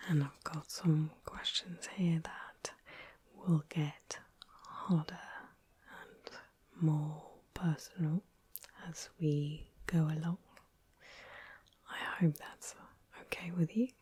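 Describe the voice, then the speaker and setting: A woman whispering softly and gently through an ASMR interview roleplay. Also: low voice, fairly even intonation, husky, no room sound. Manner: soft, slow, gentle whispering. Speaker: ASMR creator.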